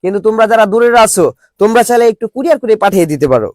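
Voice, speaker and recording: A man's voice: high voice, expressive, racing, darkish tone, no room sound. A young man teaching a live online Bangla class, joking with students and drilling them with call-and-response questions.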